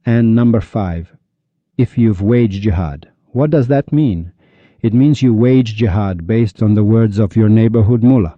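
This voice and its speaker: A man from Iran giving a heated, upset religious monologue, scolding listeners with insults and rapid-fire rhetorical questions. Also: medium pitch, mellow, no echo. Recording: dull lo-fi recording.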